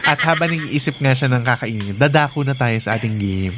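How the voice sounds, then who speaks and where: A man's voice: medium pitch, brisk, heavy background noise. A man with a Filipino accent co-hosting a podcast, chatting casually and mixing Tagalog with English. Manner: animated, mixes Tagalog and English. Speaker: podcast co-host. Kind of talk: casual chat about a TV series.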